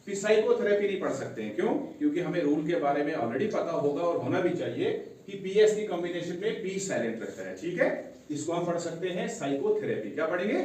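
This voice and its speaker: A man's voice: on the high side, expressive, brisk, a little mellow. A male English teacher giving a classroom lesson, quizzing his students with repeated call-and-response questions. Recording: very echoey room, mic far off, faint noise.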